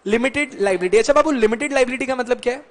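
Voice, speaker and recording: A man's voice: very high-pitched, racing. A young man lecturing a live class on law, teasing students by name and mixing Hindi with English.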